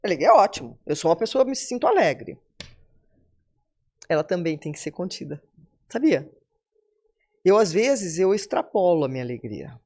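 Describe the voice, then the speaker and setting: A woman's voice: fairly low pitch, very animated, moderate pace, long pauses, a little mellow. A woman in her seventies with a Brazilian accent, a podcast guest giving a motivational talk and addressing listeners directly. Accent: Brazilian Portuguese. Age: 70s.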